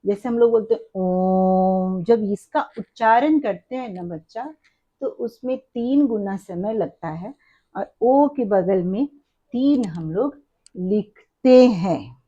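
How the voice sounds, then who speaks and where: A woman's voice: on the high side, animated, slow, mellow. A woman teacher explaining an exam-prep lesson step by step, asking the class questions, counting items aloud and correcting her own slips. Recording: dull lo-fi recording.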